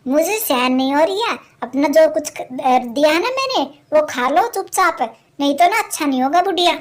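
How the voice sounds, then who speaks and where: A woman voicing a scheming, sharp-tongued young wife crow who scolds her mother-in-law harshly. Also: sits high, expressive, normal speed. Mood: scolding. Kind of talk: cartoon voice acting.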